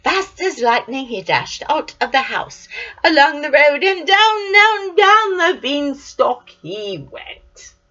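An older woman reading a children's storybook aloud, animated, dropping into whispered asides, recorded with a dull lo-fi sound. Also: sits high, slow.

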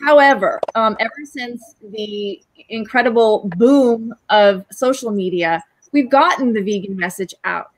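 A woman's voice: a little high, a little slow, few pauses, poor audio. A woman guest on a panel over a video call, speaking from a room at home in an enthusiastic, persuasive way.

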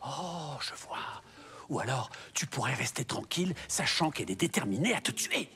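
A man playing a wry, smooth-talking schemer in a video game, eloquent and playfully sardonic. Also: medium pitch, big pitch swings, moderate pace, pushed and bright, heavily acted. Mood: coaxing, wry. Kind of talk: video game drama acting.

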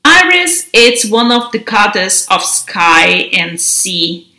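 A female language teacher in her thirties speaks to camera in slow, careful lessons, her bright, medium-pitched voice swinging widely in pitch. She is gentle and unhurried, enunciating each word slowly. A camera mic at desk distance picks up the roomy echo of the large, bare indoor room she's in.

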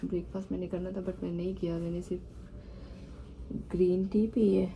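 A Pakistani woman in her thirties chats casually to camera for her travel vlog, sprinkling in English words, in a hotel apartment room. Her voice sits on the low side with a flat, brisk, creaky delivery. The phone recording, set at a distance, picks up background noise.

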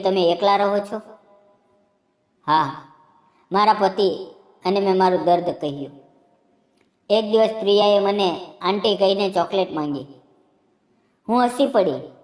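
A woman's voice: medium pitch, darkish tone. Heartfelt woman telling a storybook tale. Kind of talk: first-person emotional storybook narration. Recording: echoey room, long reverb.

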